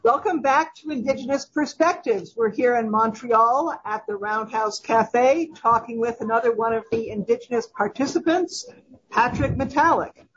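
A woman hosts a podcast and welcomes a guest in a friendly way. Her voice sits a bit high and sounds husky, with a slightly dull recording. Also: moderate pace. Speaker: podcast host. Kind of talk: podcast interview.

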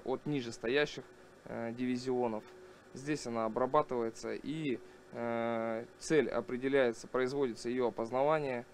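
Male officer interviewee, creaky mid-pitched voice, formal halting delivery. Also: a little hiss or hum. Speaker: air defence officer. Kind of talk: explanatory interview. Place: small military command post room.

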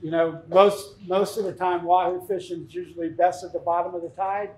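A man in his fifties, a fishing captain, gives an informal, plain-spoken seminar full of anecdotes to an audience inside a tackle shop. His high voice is brisk, a little mellow, and fairly even in intonation, captured on a lapel mic in an echoey shop room.

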